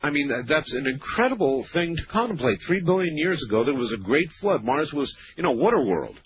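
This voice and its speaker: Smooth radio host guy, laid-back, lots of uhs and ums, dull lo-fi broadcast with a bit of hiss. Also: a little high. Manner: relaxed, conversational, with frequent "uh" and "um" pauses. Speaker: late-night radio talk show host. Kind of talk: radio call-in talk show hosting.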